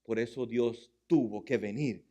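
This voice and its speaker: A man preaching a sermon as pastor, impassioned, repeating phrases for emphasis and swinging between loud, high passages and quiet, low ones. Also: unhurried.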